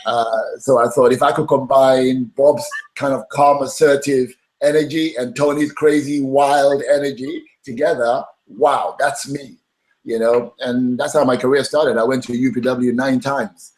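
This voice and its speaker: A man's voice: mid-range voice, unhurried, poor audio. A middle-aged man, a guest in an interview, telling his story with energy and often acting out what others said. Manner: animated, acts out quoted dialogue.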